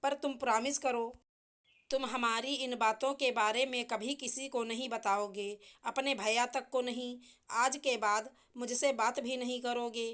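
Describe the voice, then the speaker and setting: A woman voicing a young married woman who is hurt and angry, speaking in a sharp, scolding way. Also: fairly high pitch, steady tone, measured pace. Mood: stern.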